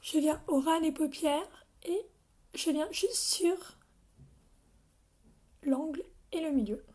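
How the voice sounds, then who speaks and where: A woman's voice: high voice, slow pace, mellow. A young woman chatting through a live makeup tutorial, greeting viewers by name and coughing now and then. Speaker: makeup seller training her team.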